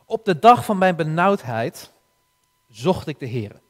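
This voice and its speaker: A man preaching a sermon in an earnest, slow way, often restarting and rising for emphasis. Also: a little high, sing-song. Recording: long hall reverb.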